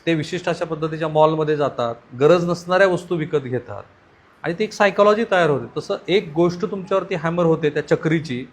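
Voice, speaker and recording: Male vlogger-interviewer, earnest and probing, fairly high voice. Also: a little fast. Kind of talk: on-site interview and commentary.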